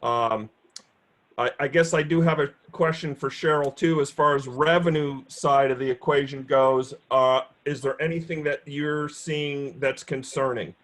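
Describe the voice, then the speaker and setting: A man chairing a town board of finance meeting over a video call, speaking in a measured, steady way with frequent fillers. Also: medium pitch, poor audio. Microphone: computer mic on a video call.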